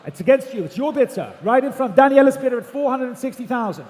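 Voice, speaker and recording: At a live auction in a large hall, a male auctioneer chants bids with a very high voice, fast and lively, repeating figures loudly and projecting them. The sound comes through an echoey hall PA with background noise.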